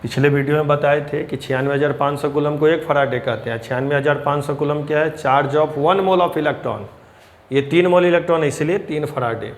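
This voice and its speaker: A man teaching chemistry, explaining step by step, addressing students as children and reading English terms slowly. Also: on the high side, fairly even intonation. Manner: reads English question lines slowly and deliberately. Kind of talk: blackboard lecture.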